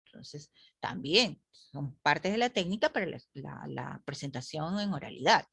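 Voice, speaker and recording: A woman's voice: low-pitched, animated, measured pace, creaky, fairly bright tone, husky, no echo, clean studio sound. A woman teacher lecturing a class online, asking the group rhetorical questions and often adding "¿no?".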